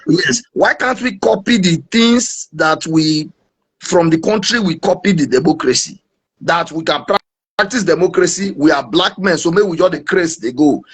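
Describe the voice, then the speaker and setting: A man's voice: on the high side, animated, normal speed, breathy edge. A Nigerian man speaking Pidgin-tinged English in a heated live debate, indignant and insistent. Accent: Nigerian Pidgin-inflected English. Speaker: debate guest.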